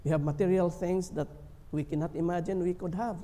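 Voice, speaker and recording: A man from the Philippines preaching a sermon as a pastor, earnest and slow, sometimes acting out pleading prayers. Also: high-pitched, steady tone, mellow. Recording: long hall reverb.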